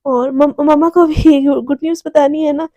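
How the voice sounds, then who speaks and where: Woman voicing a calm, quiet college girl. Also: high voice, moderate pace, no echo, lightly acted. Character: calm, hurt young college woman, top student.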